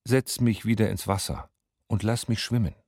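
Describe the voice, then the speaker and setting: A man voicing a talking flatfish, an enchanted prince, who pleads calmly for his life. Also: on the low side, moderate pace, no room sound, clean studio sound, lightly acted. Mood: pleading. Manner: calm pleading.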